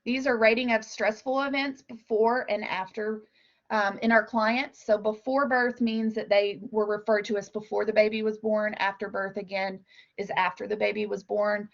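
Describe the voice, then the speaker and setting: A woman gives an explanatory slide presentation, walking through figures point by point in a measured way. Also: medium pitch, steady tone, vocal fry. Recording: dull, lo-fi online meeting audio.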